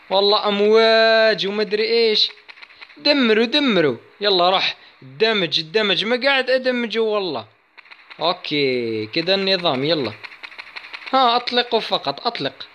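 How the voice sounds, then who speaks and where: A man hosting a gaming channel, commenting on his play with excitable energy. His voice sits high and bright, and it swoops all over as he chats to his viewers and yelps at the action. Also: slight background noise. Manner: excitable, chatty, addresses viewers, yelps at game moments.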